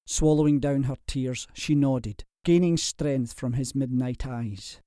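A man narrates a historical romance with measured, steady delivery and a mellow, warm timbre. The recording is close and dry. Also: mid-range voice, no room sound. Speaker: audiobook narrator. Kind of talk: scripted narration.

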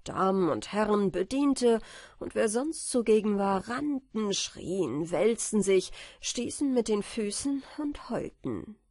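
Female bedtime narrator, soft and calm, breathy, dry close recording. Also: medium pitch, slow pace, no room sound. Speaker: audiobook reader. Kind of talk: bedtime story reading.

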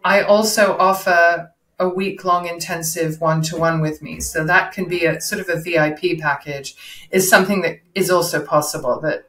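A woman who works as a voice and performance coach, talking as a guest in an interview in a measured, explanatory way. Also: fairly low pitch, steady tone, fairly bright tone. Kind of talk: casual interview.

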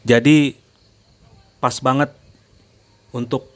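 A man narrating a casual camping vlog in a relaxed way, often addressing viewers as friends. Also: medium pitch. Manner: slow, relaxed, calls viewers "gengs". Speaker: travel vlogger.

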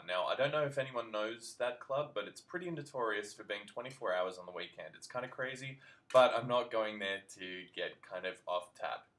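A man's voice: lowish voice, bright, forceful tone. A man with an Australian accent chatting casually to camera as a vlogger, rambling and making self-mocking asides.

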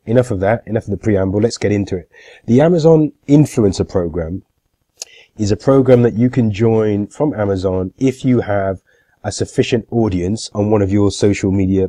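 A middle-aged man with a congested cold, a marketing YouTuber, walks through a screen-share tutorial in a plain, matter-of-fact manner, often saying "uh." His voice is lowish and mellow, and the recording is dry.

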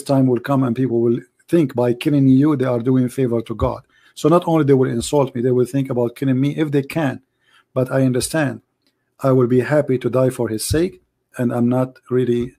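A man's voice: mid-range voice, fairly even intonation, brisk, dark tone. A man hosting a live call-in religious debate, preaching with passion in broken grammar while losing his voice. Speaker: call-in show host.

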